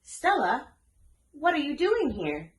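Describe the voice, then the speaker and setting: Lady doing a sweet encouraging young princess for a storybook, high lilting voice, echoey. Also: wildly swooping pitch, slow, exaggerated voice. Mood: surprised. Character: kind, cheerful young princess, gracious and encouraging. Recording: echoey room.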